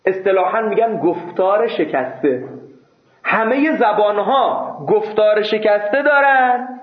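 A man's voice: sits high, lively intonation. A man teaching a seminary class, lecturing emphatically and answering his own rhetorical questions. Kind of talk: classroom lecture on Islamic jurisprudence. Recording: echoey room over a phone-like line.

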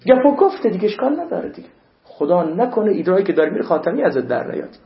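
Male cleric, high-pitched, animated sermon delivery; roomy, muffled lo-fi sound. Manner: animated preaching, interleaving recited Arabic verses. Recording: roomy, dull lo-fi recording.

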